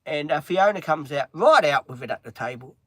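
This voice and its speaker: A man's voice: on the high side, animated, fairly quick, pushed and bright, no echo. An Australian man hosting a livestream, telling a long story in a casual, rambling way, with many restarts and filler words. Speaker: livestream host.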